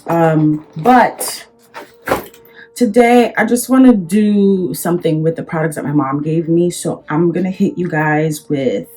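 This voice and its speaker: Slow-talking young woman beauty vlogger. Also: low-pitched, a little mellow, a little hiss or hum. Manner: chatty, addresses viewers as girl and child. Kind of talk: casual makeup tutorial chat. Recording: faint music under voice. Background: faint background music.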